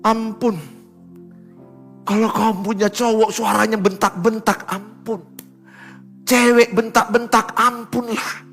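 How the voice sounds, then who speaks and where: A middle-aged male pastor preaching a sermon, swinging between loud urgent exhortation and soft, confiding asides. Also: high voice, flat delivery, unhurried, breathy edge, faint music behind.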